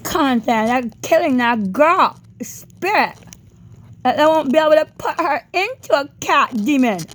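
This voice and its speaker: A woman giving a rambling spoken monologue in disjointed, halting, drifting phrases. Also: sits high, expressive, a bit bright.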